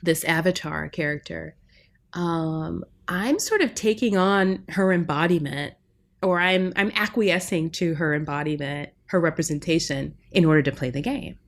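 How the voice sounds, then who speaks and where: A woman linguistics professor appears as a podcast guest, speaking in a low voice at a moderate pace. Her academic interview talk is reflective and scholarly, and she often checks in with "right?".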